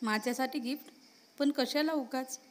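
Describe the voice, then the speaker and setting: Woman voicing a lively lovestruck college girl. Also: sits high, normal speed, natural voice. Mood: playful. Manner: indignant, playful back-talk. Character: lively young woman college student in love.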